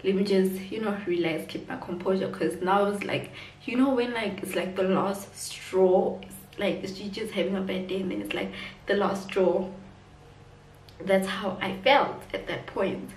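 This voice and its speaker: A woman's voice: medium pitch, a little slow. A woman, telling a personal story to camera in a rambling way, full of "like" and "whatsoever". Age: 20s. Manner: rambling, filler-heavy retelling with "like" and "whatsoever". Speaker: vlogger. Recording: roomy, distant from the mic, faint background noise.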